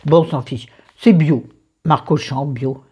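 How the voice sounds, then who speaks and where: A woman's voice: sits low, a little slow, noisy background. A woman casually walking viewers through a recipe, chatty and digressive, with joking asides to herself. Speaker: cooking vlogger.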